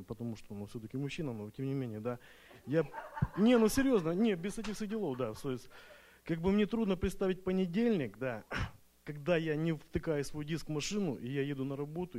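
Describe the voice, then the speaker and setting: This man's voice is fairly high with a dark tone. Not a native Russian speaker, he gives a hesitant, nervous testimony in Russian as a church retreat participant, stumbling through fillers and restarts.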